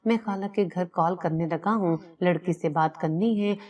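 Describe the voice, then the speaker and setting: A woman reads a stern, proud middle-aged father in a spoken story. The voice sits low and carries harsh command. It sounds slightly distant from the microphone. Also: dark tone, highs cut off, lightly acted. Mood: firm.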